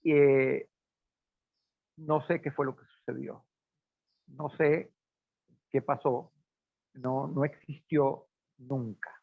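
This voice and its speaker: A man's voice: medium pitch, fairly even intonation, takes it slowly, vocal fry, pauses often, no room sound. A man from Portugal raised in Venezuela, telling a personal story in a hesitant conversational way with many fillers. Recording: dry, phone-like band.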